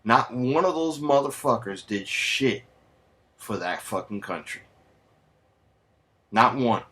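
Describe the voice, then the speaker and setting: In a profane, angry vlog rant, an American man gets heated and sarcastic, cursing nonstop and mixing in Spanish slang. He speaks slowly in a medium-pitched voice that sounds pushed and bright, with lively intonation.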